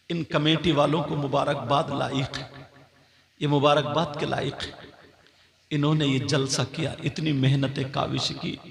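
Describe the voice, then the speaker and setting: A male preacher telling a dramatic cautionary story at a religious gathering. He rises to shouted, sing-song climaxes. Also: a little high, gravelly. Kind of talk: sermon.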